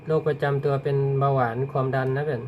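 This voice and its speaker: A man's voice: mid-range voice, little pitch movement, fast talker, darkish tone. Male radio dispatcher with noise behind him. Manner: procedural, repeats messages back in codes. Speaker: emergency rescue radio dispatcher.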